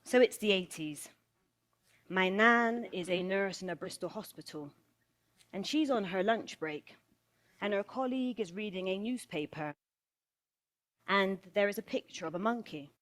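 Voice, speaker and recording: A middle-aged British woman from England giving a storytelling talk, rhythmic and deliberate, slowing and pausing for emphasis and returning to a rhetorical refrain. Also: medium pitch, a bit bright. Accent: British English. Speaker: speaker.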